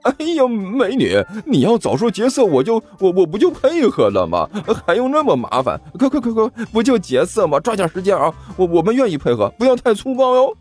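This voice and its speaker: A man's voice: high voice, huge pitch swings, fairly quick, few pauses, a little mellow, husky, faint music behind, voice pushed up, heavily acted. A man voicing a cowardly, fawning male thug who stammers and grovels. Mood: groveling.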